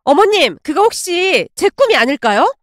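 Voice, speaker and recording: A pushy young daughter-in-law who pleads and wheedles in a high voice, played by a woman. The recording is close and dry. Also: very animated, moderate pace, a bit bright, dry recording, exaggerated voice. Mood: wheedling.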